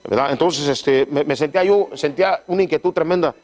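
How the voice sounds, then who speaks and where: A man's voice: a little high, a little mellow. A man preaching a sermon who keeps asking his congregation for agreement and stumbles and repeats words as he reads scripture aloud. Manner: call-and-response, frequent "¿verdad?"; halting, repeats words while reading scripture. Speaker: pastor.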